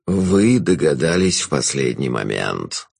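A man voicing a smug, mocking male jester in a slow, low, drawn-out way, in an audiobook. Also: big pitch swings, creaky, darkish tone, breathy edge, full character voice. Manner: smug, taunting. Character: sly theatrical male jester, mocking, menacing. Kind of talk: audiobook character voice.

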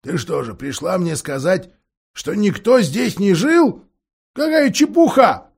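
A man's voice: high voice, big pitch swings, slow pace, gravelly, breathy edge, pitched above the performer's own voice, full character voice. A man voicing a grumpy, half-deaf old male dwarf lord who grumbles and mishears words.

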